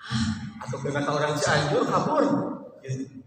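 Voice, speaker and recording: A man preaching in a mosque, telling lively stories, mimicking voices and chanting Arabic phrases. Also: fairly high pitch, moderate pace, noisy background. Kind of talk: mosque sermon. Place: mosque hall. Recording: echoey hall from far off.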